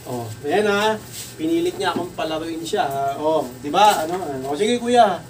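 A man's voice: a little high, moderate pace. A Filipino man who runs a computer shop, casually telling a story and acting out the dialogue in a raised voice. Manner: animated, acts out dialogue in raised voice. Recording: distant mic with faint background noise.

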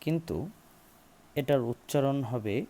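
Here a warm, mid-range male voice leads a spoken English lesson. The man drills pronunciation slowly by spelling words, repeating each one several times, and asking his viewers questions.

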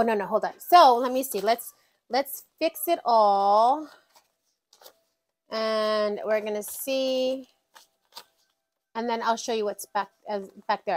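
Budget vlogger, woman, light raised pitch, chatty and informal, counts bills aloud, talks to her binders. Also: a little mellow, a little hiss or hum. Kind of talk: casual chat while counting cash.

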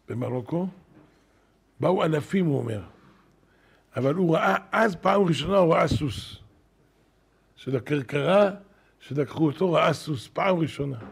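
An older man, a rabbi, telling wonder stories in a sermon at a synagogue, animated, acting out what people said. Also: a little high, vocal fry, husky. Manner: animated storyteller, acting out quoted shouts. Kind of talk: storytelling sermon.

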